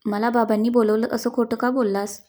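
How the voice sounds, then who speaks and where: A woman voicing a stern young man who questions firmly and speaks softly of the woman he loves. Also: on the high side, level tone, fairly quick, close to an everyday voice. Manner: firm, interrogating, then tender. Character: young man, stern, protective, quietly romantic.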